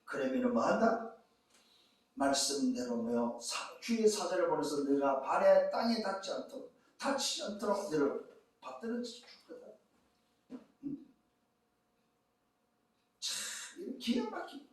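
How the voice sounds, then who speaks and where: A man's voice: on the high side, big pitch swings, unhurried, pauses often. A man preaching a sermon as pastor, emphatic, firing rhetorical questions at the congregation. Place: church sanctuary. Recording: echoey church hall from far off.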